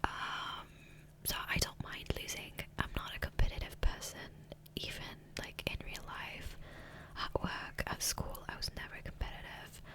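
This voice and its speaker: Right up against a USB condenser mic, a woman who makes ASMR gaming content rambles in a soft, unvoiced whisper. She's relaxed and in no hurry.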